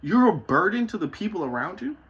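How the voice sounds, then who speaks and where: A man's voice: high-pitched, very animated, fairly quick, fairly bright tone, muffled recording, slight background noise. A man in his twenties delivering a profane, confrontational motivational rant at home, swearing constantly. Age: 20s. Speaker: vlogger. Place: his parents' house.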